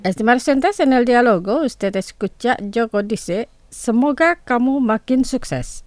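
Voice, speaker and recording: A woman hosting a radio language lesson, speaking slowly and carefully and repeating each word twice for listeners. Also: fairly high pitch, animated, a little mellow, dry recording, clean studio sound, soft background music.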